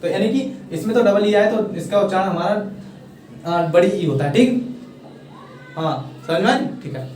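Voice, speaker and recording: A man's voice: sits high, expressive, unhurried, pauses often, a little mellow, a little hiss or hum. A young man with a Hindi accent, explaining a pronunciation lesson to students and checking often that they follow. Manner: repeats "thik hai" often, coaxing and encouraging. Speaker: English teacher. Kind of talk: casual classroom explanation. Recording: echoey room, voice from far off.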